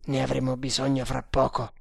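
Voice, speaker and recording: Man reading a grim, gravelly army captain. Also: medium pitch, monotone, a little fast, no echo, clean studio sound. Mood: commanding. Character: grim brooding male army captain, commanding.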